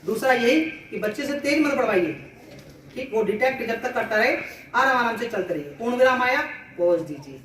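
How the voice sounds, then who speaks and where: A man addresses fellow teachers at a school cluster meeting, explaining at length and repeating words for emphasis. His voice sits high and bright. The room is strongly echoey and the mic is placed well away from him. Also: expressive, normal speed, distant mic, a little hiss or hum. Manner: explanatory, repeats words, uses everyday examples.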